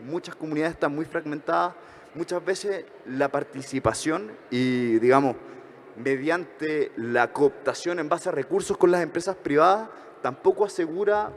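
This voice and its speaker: A man with a Chilean Spanish accent shares reflections at a conference workshop, speaking fast with frequent hesitations and self-corrections. His voice is a little high. The audio has a big-room sound and slight background noise.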